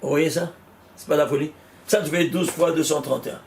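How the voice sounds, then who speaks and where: A man teaching a Kabbalah study class, animated, repeating numbers out loud and exclaiming in wonder as he questions his students. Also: on the high side, a little fast, slight background noise. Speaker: Torah teacher.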